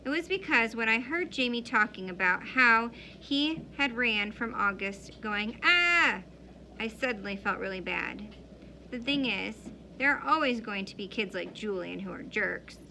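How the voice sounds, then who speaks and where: A woman reading a story aloud in an expressive way. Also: on the high side, normal speed, vocal fry, slight background noise, poor audio. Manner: expressive, shifting into character voices. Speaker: audiobook reader. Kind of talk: storybook read-aloud narration.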